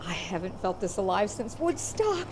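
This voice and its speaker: A woman's voice: medium pitch, very animated, moderate pace, background noise, natural voice. An actress playing a giddy, spaced-out older woman who is tripping. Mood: dreamy. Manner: dreamy, spaced-out.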